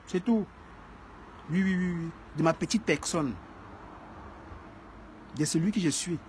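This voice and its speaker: A man hosting a casual live stream, speaking in a fairly high voice. He talks straight to his viewers and repeats key phrases to drive his point home. A faint ambient hum sits behind him. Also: unhurried. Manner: emphatic, repeats phrases for stress; greets and answers viewers by name.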